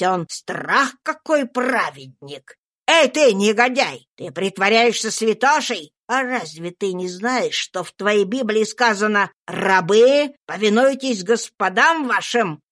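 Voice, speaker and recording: A woman voicing a brutal, mocking middle-aged slave owner who shouts and sneers in slow, heavy threats. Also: mid-range voice.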